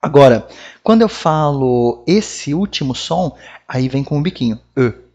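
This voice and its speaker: A man's voice: fairly high pitch, expressive, a little slow, darkish tone, dull audio. A Brazilian man with a Brazilian Portuguese accent, a French teacher giving a casual video lesson on pronunciation, friendly and often tagging his lines with "né?". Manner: friendly, repeats sounds and tags lines with "né?".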